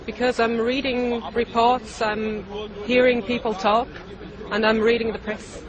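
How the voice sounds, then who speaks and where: A man from Norway, answering in a hesitant, halting way during a street interview. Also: very high voice, little pitch movement, rough recording. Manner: hesitant, halting, searching for words. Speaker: campaigner being interviewed. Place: outdoors in a busy city street. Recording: street recording with crowd noise.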